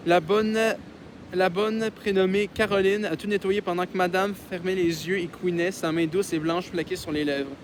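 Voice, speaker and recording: A man reads a novel aloud in an easygoing, unpolished way, tripping on words and cutting in with sarcastic, foul-mouthed comments. His voice sits high for a man. He is outdoors, with a faint hum of outdoor ambience behind him. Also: fairly even intonation, normal speed. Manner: reads with stumbles and sarcastic, swearing asides. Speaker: audiobook reader. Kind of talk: casual audiobook reading with asides. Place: outdoors in the wind.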